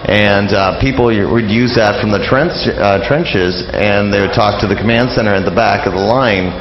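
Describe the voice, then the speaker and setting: Speaking at a moderate pace in a lowish voice, this man is a guest on an interview, an old-time radio fan who talks casually, hesitating and rambling. Noise fills the background of the live radio lounge, where people drift in and out, and the muffled recording echoes with the busy crowd.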